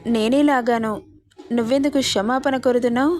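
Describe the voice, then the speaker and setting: A woman's voice: on the high side, steady tone, fairly quick, darkish tone, faint music behind, close to an everyday voice. A woman reading the part of an affectionate, teasing young husband in a story.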